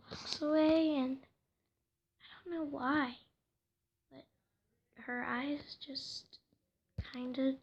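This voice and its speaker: Speaking softly and hesitantly, a high-pitched woman casually shares a story she made up herself, frequently lapsing into whispers. Faint background noise is present, and the recording's high frequencies are cut off.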